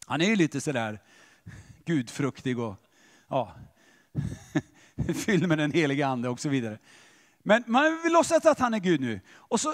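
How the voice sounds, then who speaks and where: A man preaches in a church, his voice slightly high and swinging widely in pitch. He talks animatedly and keeps checking whether his listeners are following. A long church reverb trails behind every phrase. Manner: animated, questioning the audience. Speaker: pastor. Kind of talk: sermon.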